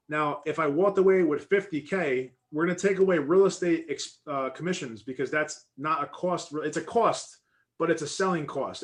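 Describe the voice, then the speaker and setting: A man talks through worked numbers at a rapid clip. His voice sits a little high and he thinks aloud, restarting sentences as he goes. It is an informal teaching talk to a group. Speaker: real estate investor presenting to a group.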